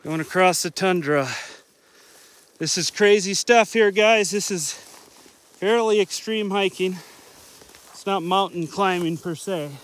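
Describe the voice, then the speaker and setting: A man's voice: high-pitched, slow pace, fairly bright tone. A man, live-streaming a hike in an upbeat, chatty way, filmed on a phone held out at arm's length on an open mountain slope. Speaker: vlogger and hiking dad. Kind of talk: live-stream hiking vlog.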